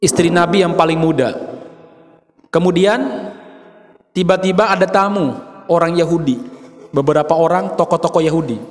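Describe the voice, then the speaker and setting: A man's voice: fairly high pitch, moderate pace, pauses often, long reverb tail. A man preaching a sermon, joking with the audience and acting out little quotes.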